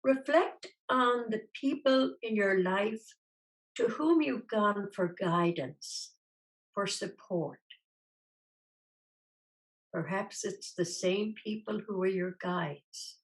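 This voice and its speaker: Over poor audio, a woman with a medium-pitched voice leads a guided meditation, instructing gently and soothingly as a teacher. She speaks slowly, with long pauses.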